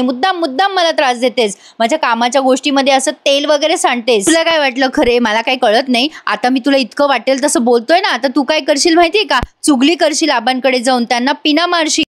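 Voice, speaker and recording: A woman's voice: high voice, natural voice. A woman voicing an irritable young boss. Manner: scolding, argumentative. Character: irritable young man, strict company boss.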